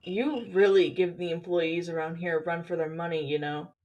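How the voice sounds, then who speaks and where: A woman's voice: fairly low pitch, steady tone, moderate pace, darkish tone, highs cut off, lightly acted. A woman voicing Haley, an anxious, caring young companion who coaxes the hero, in an audio drama. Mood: teasing. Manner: anxious, coaxing.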